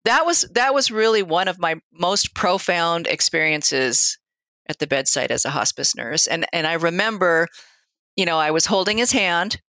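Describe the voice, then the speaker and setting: A woman's voice: fairly low pitch, lively intonation, moderate pace, pushed and bright, no room sound. A woman speaking as a hospice nurse and interview guest, reflectively sharing anecdotes in conversation and acting out quoted exchanges. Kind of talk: conversational storytelling.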